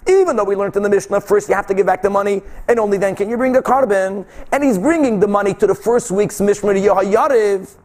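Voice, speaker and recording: A man's voice: high voice, quick pace, few pauses, darkish tone. A man gives a Talmud lesson. He reads from the text and explains it as he goes, posing questions, answering them himself and repeating key phrases for emphasis. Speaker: Talmud teacher. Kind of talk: religious text lesson, reading and explaining aloud.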